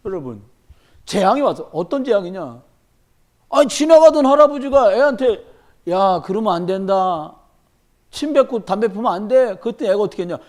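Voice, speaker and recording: Pastor guy preaching, high voice, swings up and down a lot, punchy and jokey. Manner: animated, emphatic, storytelling with humor. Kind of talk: sermon. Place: church sanctuary during a midweek service.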